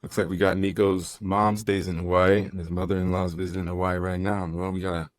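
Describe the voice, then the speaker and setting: A man's voice: low-pitched, flat delivery, a little fast. A young man hosting a casual podcast, easygoing and rambling, reading listener comments aloud. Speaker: podcast host, professor.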